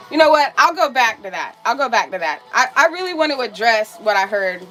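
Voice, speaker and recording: A woman's voice: a little high, sing-song, normal speed, a bit bright, soft background music. A woman streamer talking casually, ranting in a heated, sarcastic and profane way.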